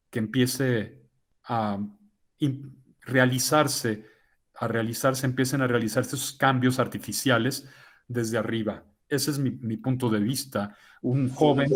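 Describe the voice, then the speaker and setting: A man giving a lecture to teachers, explaining points in a measured way and often tagging sentences with "¿no?". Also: medium pitch. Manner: measured and explanatory, with frequent "¿no?" tags. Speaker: guest lecturer speaking to teachers. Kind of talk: lecture answering a question.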